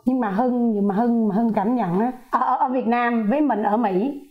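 A woman's voice: on the high side, moderate pace, crowd noise. Woman host, frequent agreeing, slightly muffled recording. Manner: steady backchannel agreement, leading questions. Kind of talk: interview conversation.

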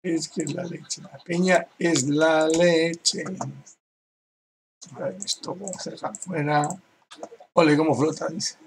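A man's voice: on the high side, steady tone, takes it slowly, long pauses, a little hiss or hum. A man from giving casual gameplay commentary, laughing often and reading other players' messages aloud. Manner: laughs often, reads out chat with "dice". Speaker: gaming youtuber.

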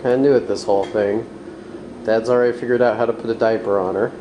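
A man, a new father in a hospital room, chatting gently and chuckling as he coos over his newborn. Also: on the low side, steady tone, fast. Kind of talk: casual home video chat. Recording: noisy home video.

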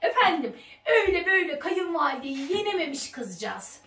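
A high-voiced woman chatting and retelling a story while she cooks, lively and bossy with her husband. The room rings, and she is some distance from the mic. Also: normal speed, roomy sound, slight background noise. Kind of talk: casual storytelling chat. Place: home kitchen while cooking.

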